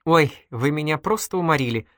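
A man's voice: on the high side, lively intonation, brisk, fairly bright tone, no echo, studio quality, voice pushed up. A man voicing a mischievous, giggly young woman in an audiobook, teasing and exclamatory. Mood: playful. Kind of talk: audiobook character voice.

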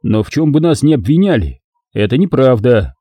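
A male narrator voicing a calm, measured older male Jedi master in an audiobook. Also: mid-range voice, dry recording. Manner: measured, firm.

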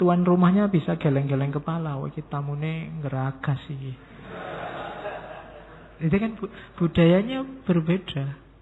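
A middle-aged man, giving a relaxed, joking philosophy lecture to students and slipping in words. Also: a little high. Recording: tinny phone-like sound in a long-reverb hall.

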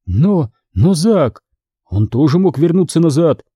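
An anxious young man tries to calm his friends by reasoning aloud, voiced by a man pitching up a little. His tone stays dark and husky, dry and close. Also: measured pace, no room sound, exaggerated voice. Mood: uncertain. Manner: nervous, then reassuring.

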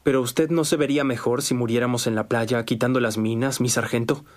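Man acting an earnest, respectful soldier, medium pitch. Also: fairly even intonation, fairly quick, natural voice. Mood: earnest, deferential. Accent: Latin American Spanish. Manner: deferential but insistent. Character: earnest, respectful captive soldier pleading with superior. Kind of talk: dubbed film acting.

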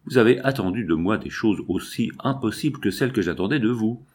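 A man's voice: fairly low pitch, expressive, a little fast, darkish tone, slightly rough. A man voicing a jealous, anguished nobleman husband who questions his wife with impassioned reproach, in an audiobook reading.

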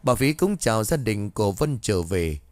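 A man narrating a ghost story at a steady storytelling pace. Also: lowish voice, normal speed, dry recording.

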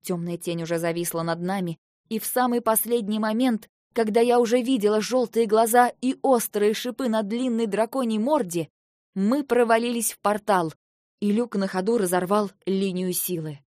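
Woman reading a fantasy audiobook, measured, dry close mic. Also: medium pitch, darkish tone, no room sound. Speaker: audiobook narrator. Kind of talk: first-person audiobook narration.

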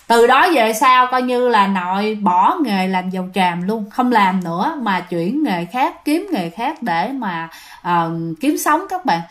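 A woman telling ghost stories in a casual, chatty way, often addressing her listeners directly. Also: fairly high pitch. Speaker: ghost story narrator. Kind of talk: casual spoken storytelling.

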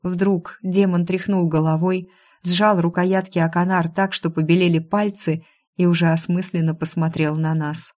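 A woman narrating a first-person fantasy novel in a steady, measured reading. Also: fairly low pitch. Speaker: audiobook narrator.

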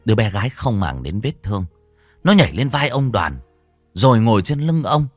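A man's voice: fairly low pitch, sing-song, normal speed, no echo, soft background music. Dramatic male ghost-story narrator. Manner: dramatic, varied delivery.

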